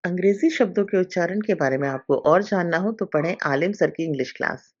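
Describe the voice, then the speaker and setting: An announcer reading a short promotional voice-over in a brisk, promotional manner. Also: mid-range voice, muffled recording.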